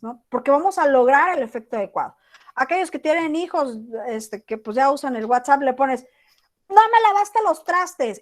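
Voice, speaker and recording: A woman teacher with a Mexican accent giving an online class, talking casually and acting out example text messages. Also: high voice. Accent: Mexican Spanish.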